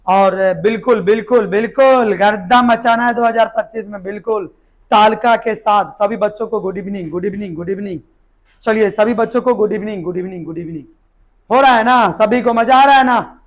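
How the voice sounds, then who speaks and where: Man, hoarse throat, high pitch, live online lesson, repeats key words. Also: moderate pace. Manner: asks the class questions and answers them himself, repeats key words. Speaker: biology teacher.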